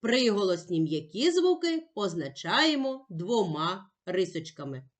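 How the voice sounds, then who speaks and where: Повільна, співуча вчителька початкових класів. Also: female voice, mid-range voice, very animated, unhurried. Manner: patient, sing-song and emphatic, spelling out sounds one by one. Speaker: primary school teacher. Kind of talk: slow, clear classroom instruction for young children.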